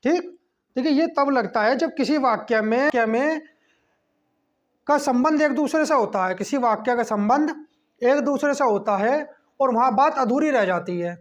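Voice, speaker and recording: A man teaching a class lesson, checking in with a quick "okay" between points as he explains. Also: very high-pitched. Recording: dull lo-fi recording.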